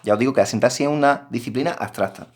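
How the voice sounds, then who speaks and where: A man's voice: mid-range voice, very fast. A man teaching a recorded grammar lesson, explaining patiently and addressing his students directly.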